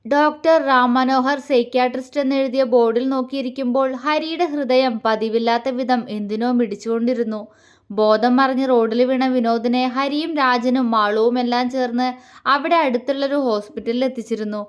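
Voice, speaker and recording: A woman storyteller reading a serialized love story aloud in a slow, emotional narrating style. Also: fairly high pitch, fairly even intonation, smooth.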